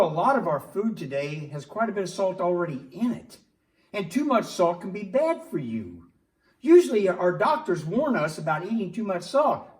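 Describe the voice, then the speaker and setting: A man voicing a cheerful male puppet friend in a church skit, patiently explaining and angling for chips. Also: sits high. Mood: wheedling. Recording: echoey room, distant mic.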